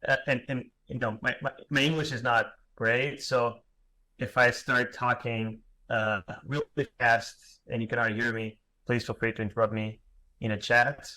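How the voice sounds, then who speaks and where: Portuguese guy in his 30s giving an online talk, bright voice, lots of uhs and restarts. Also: medium pitch, fairly even intonation, poor audio. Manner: halting, many fillers and restarts, self-deprecating. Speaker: graphic designer giving a lecture. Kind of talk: online lecture.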